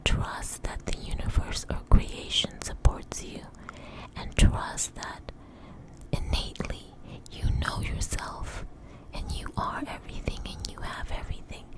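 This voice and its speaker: Slow, tingly ASMR close whisper from a woman. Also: poor audio. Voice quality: breathy whisper with soft mouth sounds. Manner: slow, unstructured, reassuring. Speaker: ASMR video host. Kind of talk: ASMR close whisper, rambling personal talk. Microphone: very close to the mic.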